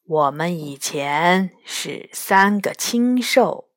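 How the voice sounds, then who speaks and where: A woman reading a children's story, voicing a gentle, weary beast head that speaks slowly and patiently. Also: on the low side, pitched below the performer's own voice, heavily acted. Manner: slow, patient, sighing.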